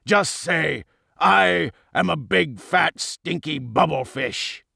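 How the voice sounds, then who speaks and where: A man voicing a huge, cruel, bullying fish king in an audiobook, with a gravelly bellow and a slow, menacing, gloating delivery. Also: a little high, pushed and bright, no echo, clean studio sound, heavily acted. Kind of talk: audiobook character voice.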